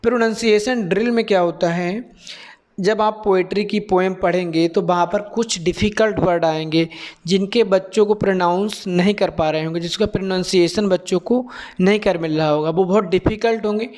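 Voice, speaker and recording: A man with a high voice walks through a lesson plan like a teacher educator. He is methodical, goes one point at a time and keeps checking that his listeners follow. He is from India. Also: steady tone, moderate pace, a little mellow. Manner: methodical, step by step, checks in with "theek hai".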